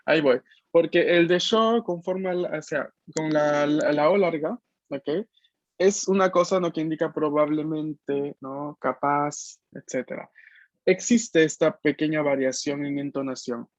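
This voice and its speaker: A man's voice: fairly high pitch, unhurried, no room sound. A man teaching an online language class, explaining patiently and often checking that students understand. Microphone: video call. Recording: dull lo-fi video call audio.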